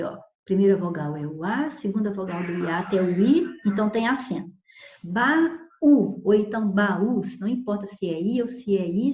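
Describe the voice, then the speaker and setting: A woman's voice: mid-range voice, mellow. A woman teacher explaining spelling rules patiently, repeating examples and checking in with "ok?". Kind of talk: recorded grammar lesson. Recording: echoey room, dull lo-fi sound.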